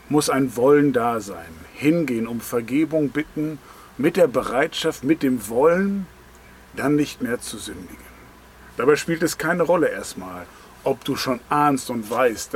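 A man's voice: medium pitch, slight background noise. Earnest German-speaking preacher man. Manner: earnest, direct address with rhetorical questions; pointed, emphatic phrasing. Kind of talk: devotional sermon on a Bible verse.

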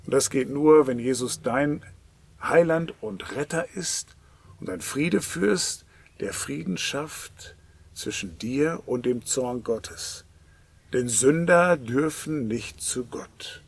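Man, preacher, sermon, gravelly, husky, emphatic with whispered phrase endings. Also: medium pitch, slow pace.

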